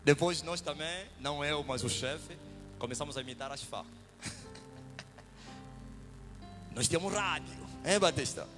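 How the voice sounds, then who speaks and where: A man preaching a testimony sermon, swinging from loud shouted praise to hushed whispers. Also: a little high, unhurried, pauses often, over music.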